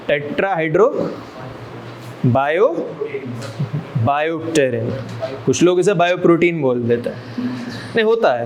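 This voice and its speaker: A man with a voice on the high side lectures at a medical college in a mix of Hindi and English, slowly drawing out and repeating key terms. He quizzes his students as he goes, calling them "beta." It is a noisy recording made in a lecture room.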